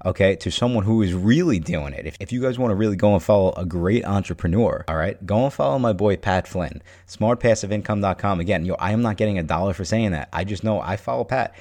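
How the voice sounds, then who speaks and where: A man's voice: fairly low pitch, fast, hardly any pauses, a little mellow. A male podcast host talking casually and energetically, full of slang and swearing, muffled because he is recording under a blanket over his head. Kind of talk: casual motivational podcast talk. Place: empty, unfurnished new house, inside a blanket fort.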